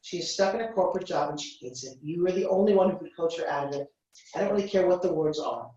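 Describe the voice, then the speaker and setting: A business coach with a warm, lowish voice speaks fast while running a live workshop, delivering short, blunt commands and cutting in to correct. The indoor room is echoey, and the microphone is distant and dull.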